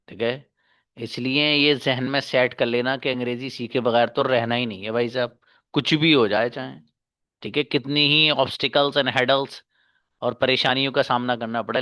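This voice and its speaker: A man with an Indian accent teaching an online English class, telling stories and coaxing his students in a relaxed way. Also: mid-range voice, dry recording, studio quality. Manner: relaxed storytelling, coaxing and encouraging, mixes English into Hindi. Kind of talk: casual Hindi class talk with English drills.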